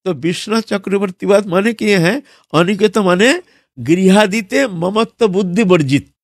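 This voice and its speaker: A man preaching a devotional storytelling sermon in an unhurried way, often pausing with fillers. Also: high-pitched, dry recording, clean studio sound. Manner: unhurried, with frequent fillers and restarts. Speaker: religious preacher.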